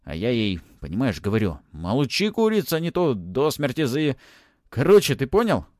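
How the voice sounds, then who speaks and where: A man voicing an ancient male mummy lord, gruff, bawdy and commanding, in a storybook reading. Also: mid-range voice, wildly swooping pitch, moderate pace, darkish tone, no echo, studio quality, voice pushed up. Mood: gruff bragging.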